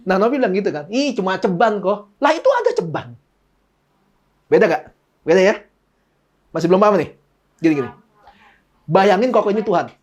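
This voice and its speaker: A man's voice: high-pitched, sing-song, brisk, pauses often, dull audio. A man preaching a casual, joking sermon, acting out little dialogues. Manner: playful, jokey, acts out little dialogues. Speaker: pastor.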